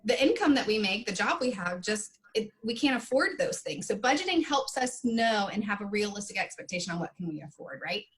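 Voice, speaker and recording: A woman's voice: medium pitch, very animated, fairly quick, hardly any pauses. A woman hosting conversationally for children, explaining things and often checking in with tag questions. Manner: explanatory, checks in with repeated "right?". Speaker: host of children's budgeting session. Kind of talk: conversational presenting to kids.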